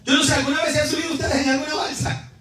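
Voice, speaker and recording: A male pastor preaching a sermon, shouting refrains and calling on the congregation to answer. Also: very high voice, racing, faint music behind. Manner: animated preaching, shouting refrains, calls for responses. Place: church sanctuary. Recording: echoey church hall, mic at a distance.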